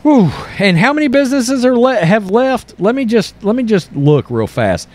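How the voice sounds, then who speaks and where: In a very high, sing-song voice with a darkish tone, this man speaks at normal speed while hosting an online commentary channel. He mixes reading news aloud with opinionated political remarks, reacting in a blunt, sarcastic, exasperated way.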